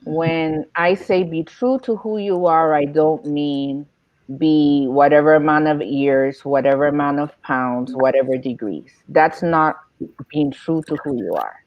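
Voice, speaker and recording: A woman's voice: sits low, a little slow, no echo. Woman panelist, emphatic and repetitive, muffled dry recording. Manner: emphatic, builds points through repetition. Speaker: panel guest. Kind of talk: panel discussion.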